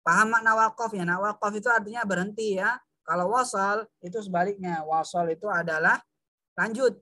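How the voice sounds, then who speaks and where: Chatty bright-voiced male teacher. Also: high voice, fairly quick, dry recording. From Indonesia. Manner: chatty, addresses pupils as "Nak", many fillers. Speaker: religious studies teacher. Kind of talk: online class lesson.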